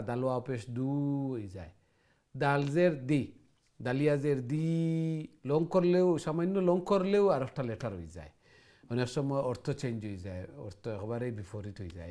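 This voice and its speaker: A man teaching Quran recitation to callers, gently correcting vowel lengths and modelling verses slowly. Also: medium pitch. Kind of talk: live call-in recitation lesson.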